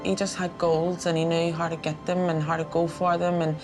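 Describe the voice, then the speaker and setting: A woman's voice: fairly low pitch, little pitch movement, brisk. A woman with a Northern Irish accent, a relative of the victim telling the story plainly and emotionally in a documentary interview. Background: music.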